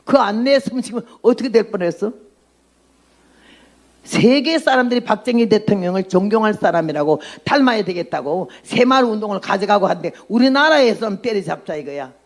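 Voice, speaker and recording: Gravelly-voiced woman in her eighties preaching. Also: medium pitch, expressive, fairly quick. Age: 80s. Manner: blunt, emphatic preaching. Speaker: missionary. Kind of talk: testimony sermon.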